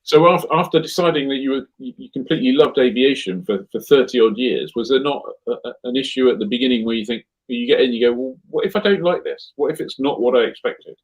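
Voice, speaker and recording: A man interviewing a guest on a video call, asking questions in halting restarts. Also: medium pitch, husky. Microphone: webcam video call. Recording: slightly dull video call audio.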